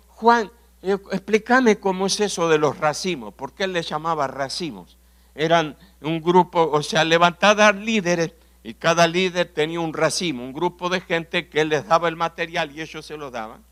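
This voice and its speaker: A man from Argentina with an Argentine accent preaching a sermon, telling stories, asking rhetorical questions and often clearing his throat. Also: fairly high pitch, moderate pace, fairly bright tone. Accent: Argentine Spanish. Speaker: pastor.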